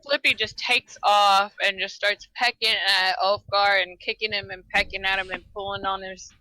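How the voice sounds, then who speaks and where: A woman's voice: medium pitch, level tone, moderate pace, sharp tone, dry recording, rough recording. A woman playing a tabletop game, describing her character's actions. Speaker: player. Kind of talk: casual tabletop game chat.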